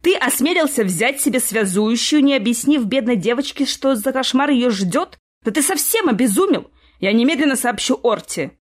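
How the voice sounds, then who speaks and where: A woman's voice: a little high, animated, moderate pace. A woman reading an audiobook, voicing a grumpy, sarcastic male house spirit that talks from the ceiling and bosses its master. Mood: indignant. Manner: cheeky, indignant, bossy.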